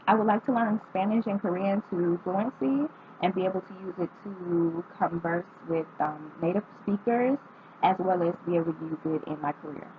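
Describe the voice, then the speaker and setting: A woman in her twenties from North Carolina, United States, vlogs casually, reading out a list of questions and answering each with frequent ums. Her voice is fairly low and her speed normal, on narrow, tinny audio with a little hiss or hum.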